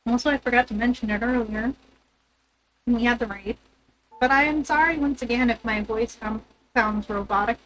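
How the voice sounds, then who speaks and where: A woman's voice: on the high side, moderate pace, a bit bright, poor audio. Woman with a robotic, metallic-sounding voice. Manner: bubbly, laughs often. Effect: robotic, metallic-sounding voice processing. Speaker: livestreamer. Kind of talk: casual stream chat.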